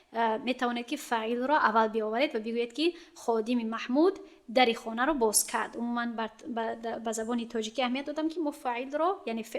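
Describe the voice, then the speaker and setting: Woman, teacher explaining grammar rules patiently, checks in with students, somewhat high voice. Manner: explains step by step, checks understanding with questions. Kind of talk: classroom grammar lesson.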